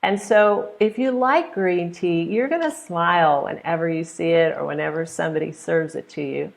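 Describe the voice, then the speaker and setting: A middle-aged woman from California with a standard American accent, teaching a pronunciation webinar in clear, simple, encouraging explanations. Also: fairly low pitch, normal speed. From California, United States. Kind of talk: webinar lesson, explaining to students. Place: small plain room indoors. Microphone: earphone headset on a webcam video call.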